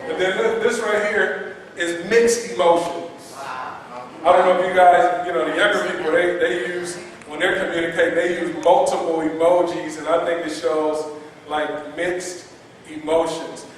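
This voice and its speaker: A man preaching a sermon as pastor, lively and playful, repeating words for emphasis and quizzing the congregation in a chatty way. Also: on the high side, a little slow. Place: church hall. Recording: echoey hall from far off.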